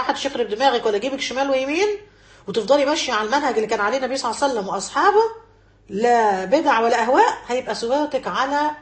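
Egyptian woman giving a religious talk to women, highish voice, repeats herself a lot. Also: echoey room. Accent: Egyptian Arabic. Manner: earnest, repeats key phrases, quotes scholars. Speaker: religious teacher.

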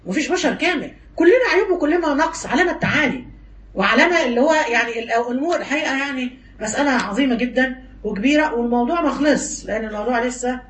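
Woman, Egyptian Arabic accent, religious lesson to women, very fast, teasing mimicry, rhetorical questions. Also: high-pitched, a little hiss or hum. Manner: animated, teasing mimicry of gossip; rapid-fire rhetorical questions. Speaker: religious teacher.

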